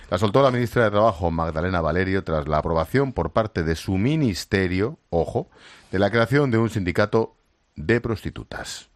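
Low-voiced Spanish radio host, wry. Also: male voice, no echo. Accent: Spain. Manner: wry, teasing. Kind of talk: radio talk show banter.

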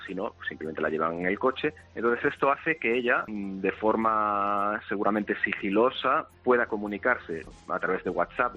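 A man's voice: sits low, bright, forceful tone, breathy edge. A male journalist explaining a case in a radio clip, hesitant and repeating words. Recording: dull, lo-fi radio audio.

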